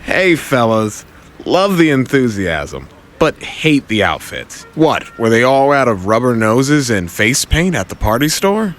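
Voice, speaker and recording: A man's voice: mid-range voice, sing-song, measured pace, fairly bright tone. A man voicing a cocky, friendly young superhero with quippy, teasing delivery in an audio drama.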